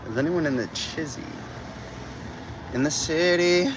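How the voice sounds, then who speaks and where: A man's voice: a little high, unhurried, background noise. A man in his twenties streaming live while driving through a city, chatting casually and rambling. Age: 20s. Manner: rambling, animated, says bro a lot. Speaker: livestreamer. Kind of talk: casual livestream chat.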